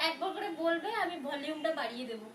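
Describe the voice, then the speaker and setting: A soft-spoken woman selling sarees on a live stream, talking in a chatty, reassuring way as she answers viewers' questions. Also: high voice, lively intonation, normal speed. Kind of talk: casual live sales talk. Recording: roomy, from a distance, faint noise.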